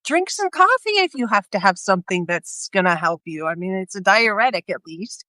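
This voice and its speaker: A woman's voice: mid-range voice, big pitch swings, moderate pace, bright, forceful tone, dry recording. A woman talking casually in a live video chat, rambling and restarting her sentences as she explains. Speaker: guest speaker on health. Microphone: video call.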